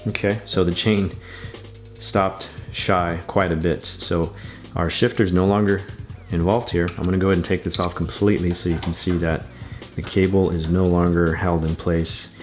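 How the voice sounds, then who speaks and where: Low, flat-voiced man teaching bike repair. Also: moderate pace, over music. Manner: patient, methodical, repeats steps. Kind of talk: step-by-step repair tutorial.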